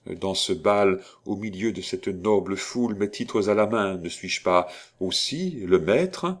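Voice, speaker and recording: A man's voice: sits low, lively intonation, unhurried. A man voicing an earnest, protective young nobleman with a firm, commanding delivery.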